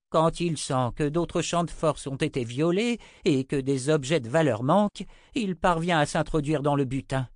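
A man voicing a cranky, fussy old male wizard who shouts and frets in an audiobook. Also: no room sound, studio quality. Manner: shouting, high-pitched, exasperated.

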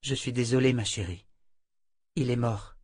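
A man reading an audiobook, voicing a commanding woman inquisitor who is stern with enemies and gentle with a child. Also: mid-range voice, moderate pace, husky, no echo, clean studio sound, lightly acted. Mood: tender. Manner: commanding, firm.

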